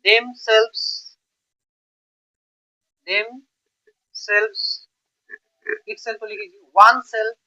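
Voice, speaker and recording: Bright-voiced male Bengali grammar teacher. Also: sits high, level tone, drawn-out words, long pauses, muffled recording. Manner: explains step by step, repeats words, checks in often. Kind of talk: grammar lesson.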